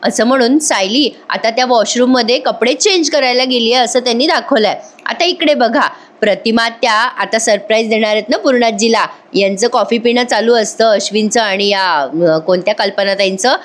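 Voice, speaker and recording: Woman, slightly high voice, chatty casual review narration, talks straight to viewers. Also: moderate pace, hardly any pauses. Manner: chatty, keeps telling listeners to look. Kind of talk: casual voice-over episode review. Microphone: voice-over recorded separately.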